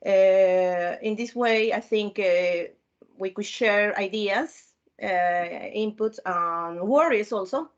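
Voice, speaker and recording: A woman's voice: medium pitch, takes it slowly, highs cut off. A woman from Peru speaking as a panel guest, with frequent fillers and restarts as she tells her story. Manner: hesitant, many fillers and restarts. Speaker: panel guest, former mentee. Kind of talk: casual panel talk.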